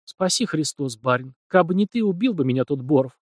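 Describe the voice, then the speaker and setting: A man's voice: fairly high pitch, sing-song, a little fast, darkish tone, no room sound, clean studio sound, voice pushed up. A man voicing a young street orphan boy who mumbles timidly. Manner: mumbling, subdued.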